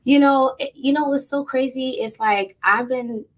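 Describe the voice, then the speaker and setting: A woman's voice: sits high, normal speed. A woman singer from Newark, New Jersey, chatting as a podcast guest in a playful, exuberant way. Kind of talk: casual chat.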